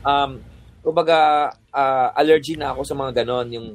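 A man's voice: mid-range voice, moderate pace. A man, a photographer guest, chatting casually and telling stories from his work, switching freely into English. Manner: relaxed storytelling, mixing English in. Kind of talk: casual podcast chat.

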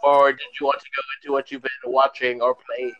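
A man's voice: mid-range voice, level tone, quick pace, dry recording, muffled recording. A man hosting a casual, comedic group chat with joking banter. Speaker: podcast host. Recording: noisy, clicking, cutting-out mic.

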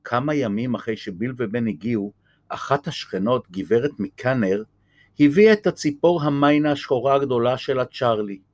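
A man reading a children's chapter book aloud in a gentle, lively way. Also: mid-range voice, no echo. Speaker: storyteller.

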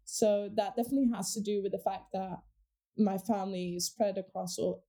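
A native Portuguese speaker from Portugal reflects on her background in a casual conversation, restarting often and using plenty of fillers. Her mid-range voice is warm and steady, and she talks fairly quickly.

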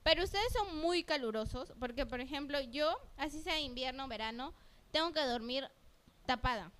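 A woman co-hosting a podcast in casual group chat, chatty and quick to laugh. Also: high-pitched, expressive, a bit bright. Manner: chatty, laughs often, talks over others. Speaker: podcast co-host.

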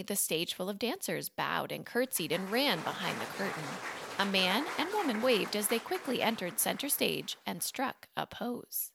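A woman narrating a children's storybook in an animated, expressive way. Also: mid-range voice, creaky.

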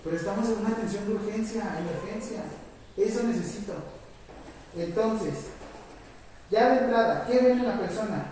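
A nursing instructor teaches a hands-on first aid class, asking questions and pushing the students to be energetic. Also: medium pitch, moderate pace, pauses often. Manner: coaching, asks questions, urges energy. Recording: echoey hall, far from mic, faint room noise.

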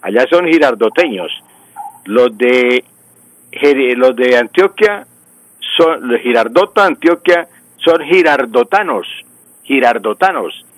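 A man's voice: medium pitch, lively intonation, slow pace, no room sound, rough recording. A Colombian man, a language expert on a radio news show, explains usage patiently, repeating words and using many fillers. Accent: Colombian Spanish. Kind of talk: call-in language advice.

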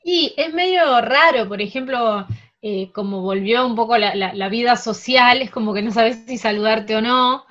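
A woman from France who has an Argentine Spanish accent answers interview questions as a guest, and she's a table tennis player. Her mid-range voice comes across relaxed but halting, full of fillers and restarts, on a dull lo-fi recording.

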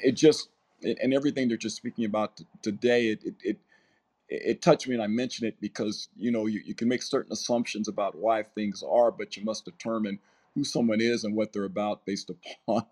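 Low-voiced man telling a story. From Southern California. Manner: relaxed storyteller with frequent fillers and restarts. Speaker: podcast co-host. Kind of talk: casual discussion, storytelling.

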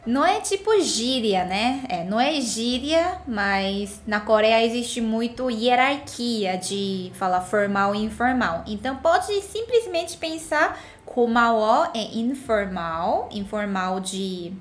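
A woman's voice: a little high, animated, slow pace, few pauses, a little hiss or hum. A woman giving a casual language lesson as a Korean teacher, patiently repeating words for the learner to echo.

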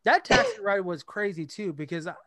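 A young man with a notably high voice tells stories between bursts of laughter, cursing freely as he hosts a casual podcast chat. His voice is recorded dry and close, with no room echo. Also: wildly swooping pitch, fairly quick, bright, forceful tone. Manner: laughing, profane storytelling. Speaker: podcast host.

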